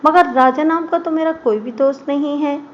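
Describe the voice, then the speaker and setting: A woman's voice: high voice, normal speed, highs cut off, close to an everyday voice. A woman voicing a weary, bitter young man, a wounded fugitive, in an audio story. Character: wounded, bitter young male engineer on the run.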